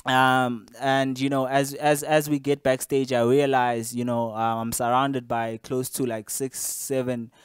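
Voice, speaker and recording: A man's voice: mid-range voice, level tone, a little slow, hardly any pauses, clean tone, dry recording, studio quality. A young man casually recounting to camera something that happened to him at an interview, rambling along with lots of fillers and restarts.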